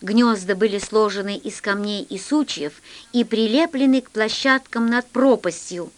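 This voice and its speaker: A woman reading a children's science fiction story aloud as scripted narration, in an expressive storytelling manner. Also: mid-range voice, moderate pace. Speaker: audiobook reader.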